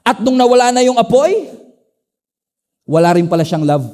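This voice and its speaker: Filipino pastor guy preaching, high voice, swings from loud emphatic bits to quiet low asides. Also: moderate pace. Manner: animated storytelling, swings between emphatic highs and low asides. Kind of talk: preaching a sermon in Taglish.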